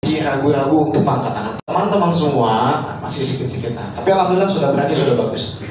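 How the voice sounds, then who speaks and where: Man, religious school teacher, slightly high voice, instructive, echoey hall, distant mic, noisy. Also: lively intonation, fast talker, darkish tone. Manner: instructive, uses rhetorical questions and demonstrations. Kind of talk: evaluation talk to students after speech practice.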